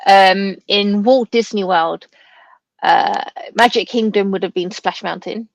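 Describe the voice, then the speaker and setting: Woman, casual chat host, gravelly fry, loose R's and W's, dry close sound. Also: mid-range voice, a little slow, dry recording, muffled recording. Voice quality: trouble pronouncing R's and W's. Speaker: host asking questions.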